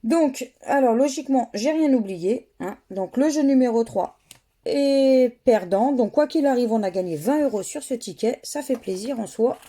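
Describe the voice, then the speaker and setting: A woman giving slow, methodical running commentary as she scratches lottery tickets, spelling out letters one by one. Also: a little high, lively intonation, warm tone.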